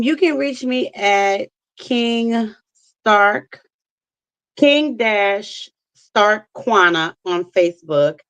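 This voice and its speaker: A woman's voice: mid-range voice, fairly bright tone, dry recording. A middle-aged woman with a New Orleans accent, chatting casually as a talk show guest. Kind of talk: casual chat.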